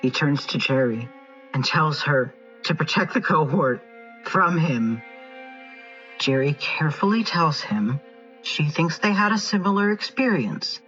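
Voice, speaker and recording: Lively narrator of a tabletop game recap. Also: mid-range voice. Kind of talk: scripted narration of a game story. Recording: muffled recording with music behind.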